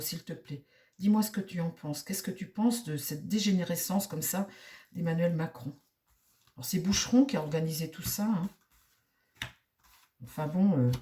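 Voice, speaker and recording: A woman's voice: mid-range voice, dark tone, recorded from a distance. A woman tarot reader talking to her viewers in a heated, indignant way, often repeating herself. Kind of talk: casual monologue to viewers. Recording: roomy echo, mic set back.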